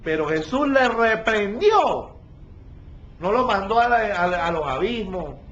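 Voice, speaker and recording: A man's voice: sits high, sing-song, measured pace, a bit bright. A male pastor teaching a Bible study verse by verse, stopping often to check that his listeners follow. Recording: dull lo-fi recording with faint ambience.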